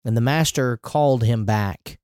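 A man's voice: medium pitch, a little slow, a little mellow, smooth, no room sound, studio quality. A man preaching a sermon in a conversational way, with rising emphatic asides.

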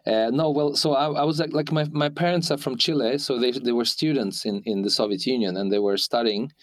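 A man in his forties who grew up in Ukraine talks haltingly through an interview, his sentences full of restarts and fillers. His voice sits at a middle pitch for a man. The recording is dry, with no room echo around him. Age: 40s. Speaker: interview guest. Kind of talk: hesitant conversational interview. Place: Sweden.

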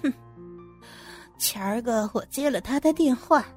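A woman's voice: fairly high pitch, a little slow, faint music behind, close to an everyday voice. A woman voicing an angry middle-aged company boss who rants indignantly and curses a former employee, read as part of an audio story. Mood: indignant ranting. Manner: indignant, cursing, self-pitying ranting.

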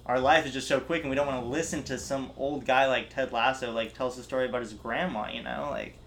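A man's voice: mid-range voice, steady tone, fast, a bit bright, slight background noise. A man co-hosting a casual pop-culture podcast, saying "like" constantly and laughing in asides. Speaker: podcast co-host. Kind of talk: casual chat.

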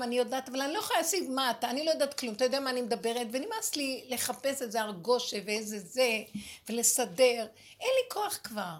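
A woman sharing spiritual experiences with a small group, impassioned and exasperated, often repeating her words. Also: a little high. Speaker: group sharer.

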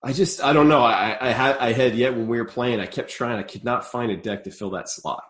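Male podcast host, mid-pitched, loose and rambling, quick to laugh. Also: fairly bright tone. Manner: rambling, laughs often, swears casually. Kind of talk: casual chat.

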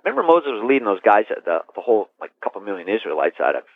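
A middle-aged man, a priest, telling his story in an interview, rambling and animated, restarting sentences and laughing. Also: lowish voice, racing, dry recording. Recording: tinny phone-line sound.

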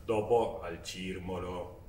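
A man in his forties with an Argentine Spanish accent speaks in a low, unhurried voice as an interview guest. He gropes for words and slips between languages as a native Spanish speaker. The sound is echoey and distant from the microphone. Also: steady tone, a loud crowd. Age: 40s. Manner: halting, searching for words, switching between languages. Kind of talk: casual interview talk in mixed languages. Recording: roomy echo, distant mic, faint noise.

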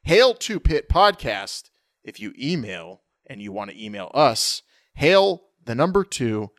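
A man co-hosting a casual sports podcast, energetic and chatty, running through questions and sponsor reads. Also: medium pitch, dry recording, clean studio sound. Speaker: podcast co-host. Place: at home, remote recording.

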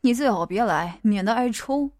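A woman voicing a cold, menacing male gang boss in an audiobook, talking in a flat, threatening way. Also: fairly high pitch, normal speed, no echo, clean studio sound, voice pushed down. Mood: cold threat. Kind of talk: audiobook character voice.

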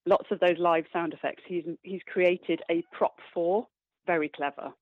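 This interview guest is a stage actor with a lowish voice, fairly even intonation, and a normal pace. The narrow, phone-like recording has no echo, and her replies sound cheerful yet thoughtful.

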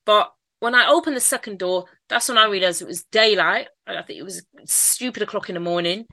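A Mancunian woman from Manchester candidly tells her life story in an interview-style conversation, with frequent repeats and the odd laugh. Her voice is medium in pitch, brisk, pushed and bright. There's no echo.

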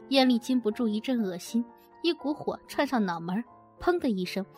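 A woman with a fairly high voice narrates a story aloud at a measured pace. She moves between plain narration and character voices, with soft music running faintly underneath. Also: expressive.

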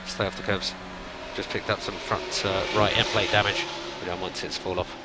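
A calm male race engineer on team radio. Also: low-pitched, moderate pace. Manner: calm, clipped, repeats each instruction. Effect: race car team radio. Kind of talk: team radio instructions to a driver. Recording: radio voice over loud car noise.

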